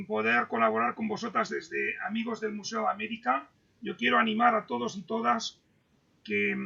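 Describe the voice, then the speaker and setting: His voice sits high, husky and pushed bright with vocal fry, as he moderates an online Q&A over a video call. He reads the audience's questions in a halting way, tripping over and repeating words, all through dull lo-fi call audio.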